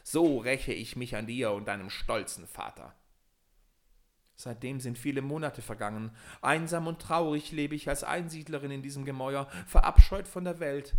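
A man's voice: medium pitch, moderate pace, voice pushed up, lightly acted. A man voicing a young enchanted owl princess in a fairy tale audiobook, speaking plaintively. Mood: lamenting. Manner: plaintive, lamenting.

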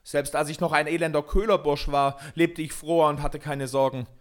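A man voicing a reckless, hot-tempered young male gambler who shouts in agitation. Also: on the high side, fairly even intonation, brisk, pitched above the performer's own voice, natural voice. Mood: angry.

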